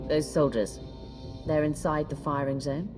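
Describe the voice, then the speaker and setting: A woman playing a stern, self-assured dark warrior commander in a video game, speaking in a terse, commanding way. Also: low voice, little pitch movement, unhurried. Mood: grave. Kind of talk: video game cutscene acting. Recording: music behind the voice.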